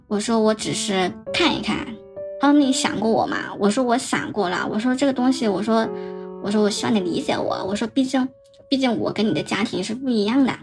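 Young woman, personal storytelling, fairly high voice, halting speech with repeated words, soft music behind. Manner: halting, repeats words and restarts, recounts dialogue. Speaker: podcast guest telling her story.

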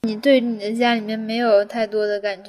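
A woman's voice: a little high, little pitch movement, a little fast, a little mellow. A young woman from Guangdong with a Cantonese-accented Mandarin, co-hosting a podcast and telling reflective anecdotes in a casual chat. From Guangdong, China. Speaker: podcast co-host.

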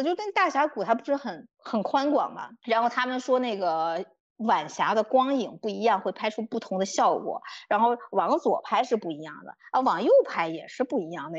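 Young woman, podcast guest, rapid animated storytelling, swears a lot, dull dry lo-fi sound. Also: mid-range voice, no echo. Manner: animated, swears freely, acts out quotes in a raised voice. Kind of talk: casual storytelling chat.

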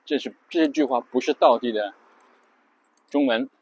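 A man hosting an English lesson podcast, explaining patiently and repeating example phrases slowly. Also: medium pitch, breathy edge. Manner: drills English phrases aloud. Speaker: English teacher and podcast host. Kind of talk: spoken lesson on English rhythm.

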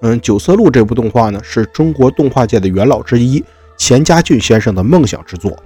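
Male podcast host, husky, casual storyteller, low-key music bed. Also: lively intonation, a little fast, dark tone. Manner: colloquial, chatty.

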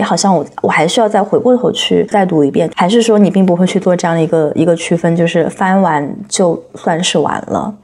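A woman co-hosting a podcast asks curious, probing follow-up questions. Her voice sits a little low for a woman, and the talk is easy and conversational. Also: dark tone. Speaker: podcast co-host. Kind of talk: conversational interview.

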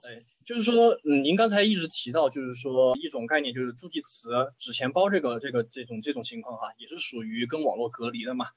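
A man's voice: medium pitch, quick pace, few pauses, husky, no room sound, rough recording. A man hosting an interview in a conversational way, polite and wordy, often adding little tags to confirm his point. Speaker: interview host.

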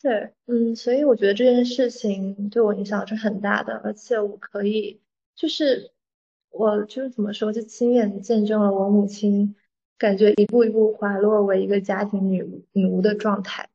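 带台湾腔闽南口音的年轻女性. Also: female voice, mid-range voice, steady tone, normal speed, vocal fry, warm tone. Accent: southern Min, Taiwanese-sounding Mandarin. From southern Fujian (Minnan), China. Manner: hesitant, reflective, mixes in English words. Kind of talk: personal storytelling in casual conversation. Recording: slightly muffled, band-limited audio.

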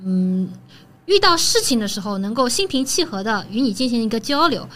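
Chatty higher-voiced woman podcast guest. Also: sing-song, fairly quick, a bit bright, a little hiss or hum. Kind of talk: casual podcast conversation.

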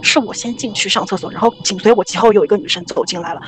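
On a podcast, a young woman casually tells a ghost story at a medium pitch and a racing pace. She rambles animatedly and restarts many times.

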